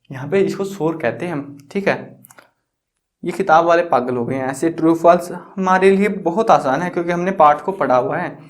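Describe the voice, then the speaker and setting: A young man teaching school science in a chatty, teasing way, asking questions and answering them himself. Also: a little high. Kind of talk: casual classroom explanation.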